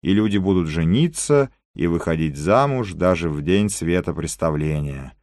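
A man voicing a calm, unhurried pipe smoker. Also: medium pitch, dry recording, studio quality, pitched above the performer's own voice, natural voice. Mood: dry.

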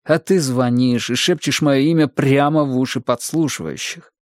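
Reader as a tense hiding man in an audiobook, hushed and exasperated. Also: medium pitch, moderate pace, no echo, clean studio sound, lightly acted. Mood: exasperated whisper.

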